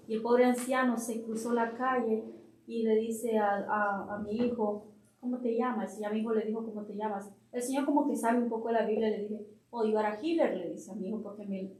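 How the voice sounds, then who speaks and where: A woman's voice: on the high side, fairly even intonation, fairly quick, a little mellow. A middle-aged woman, a church member, earnestly telling a personal testimony and quoting what others said. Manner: earnest storytelling, quotes others. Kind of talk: sharing a testimony. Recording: echoey room.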